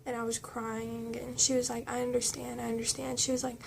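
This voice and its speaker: A woman's voice: a little high, monotone, a little fast, creaky, a little hiss or hum. A young woman telling a personal story in a casual storytime vlog, chatty and full of fillers as she quotes others. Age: young adult. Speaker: vlogger.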